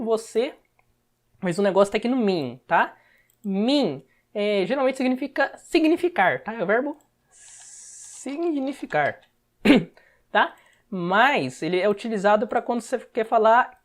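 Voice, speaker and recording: A woman with a Brazilian Portuguese accent gives an English lesson. She explains word by word and keeps checking in with a quick "tá?". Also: medium pitch. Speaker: English teacher. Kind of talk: step-by-step language lesson.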